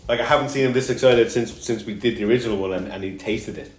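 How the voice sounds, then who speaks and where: A man's voice: medium pitch, fast, roomy sound, soft background music. A man hosting a casual cooking show, joking and rambling as he cooks.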